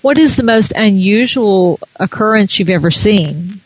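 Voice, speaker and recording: A woman's voice: mid-range voice, animated, measured pace, breathy edge, dry recording, low-quality recording. A woman hosting a radio show, interviewing a guest in a conversational way.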